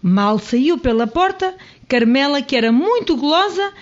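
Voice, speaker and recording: A woman narrating a children's story with expressive, swooping emphasis. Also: sits high, unhurried. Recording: dull lo-fi radio audio.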